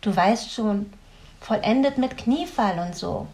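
A woman voicing a cheerful, curious young female helper who talks in a bright, playful way. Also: medium pitch, animated. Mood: amused, playful. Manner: bright, playful, quick to laugh.

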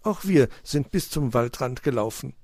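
A man voicing a nimble, helpful squirrel who reports briskly. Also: mid-range voice, expressive, darkish tone, dry recording, studio quality, voice pushed up.

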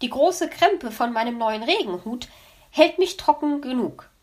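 A woman's voice: high voice, expressive, unhurried, pitched above the performer's own voice. A woman voicing a fussy female magpie who lectures and bosses others in a storybook tale. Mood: prim, bossy. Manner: bossy, lecturing. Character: prim fussy female magpie, know-it-all.

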